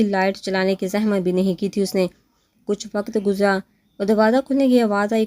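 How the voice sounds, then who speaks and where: A woman narrates a romantic audio novel in a steady storytelling manner. Her voice sits at a middling pitch for a woman. The recording is close and dry, with no room echo.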